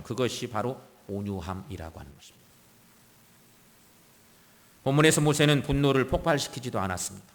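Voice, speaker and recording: A pastor delivering a Sunday sermon, his fairly high voice rising and falling with great animation. He moves between forceful emphasis and quiet asides. The church hall gives his words a long ringing reverb. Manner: preaching with strong swings between loud emphasis and soft asides. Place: church sanctuary.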